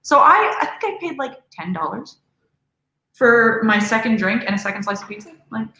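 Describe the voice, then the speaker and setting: A young woman with a bright, crisp voice co-hosts a live hockey stream, sounding upbeat. She plugs the channel and reads out game updates, and her voice rings in an echoey room. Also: on the high side, animated, normal speed. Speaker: co-host of a hockey livestream.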